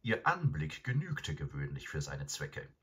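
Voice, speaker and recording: A man narrating a fairy tale audiobook in an expressive, dramatic way. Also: very deep voice, a little slow, breathy edge. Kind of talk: scripted storybook narration.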